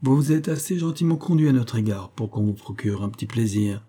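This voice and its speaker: A man's voice: mid-range voice, expressive, brisk, dark tone, breathy edge. A man playing a jaunty, chatty Parisian castaway who jokes in colloquial speech, in an audiobook.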